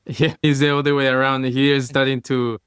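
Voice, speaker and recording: A man from Mexico co-hosting a podcast in a relaxed, friendly way. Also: mid-range voice, brisk, clean tone, no echo, clean studio sound. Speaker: podcast co-host. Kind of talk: casual podcast chat.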